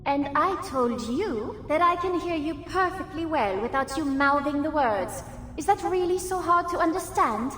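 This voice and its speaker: A woman's voice: sits high, animated, normal speed, fairly bright tone. An actress playing a bitter, haughty female voice living inside someone's head, scolding in a dramatic video game style with ghostly reverb. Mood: scornful. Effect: long ghostly reverb. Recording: echoing reverb, music underneath.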